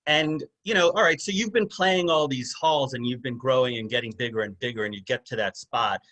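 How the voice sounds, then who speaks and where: A man's voice: medium pitch, fairly quick, fairly bright tone. A man interviewing a musician friend, rambling through his questions with lots of fillers. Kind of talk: casual interview.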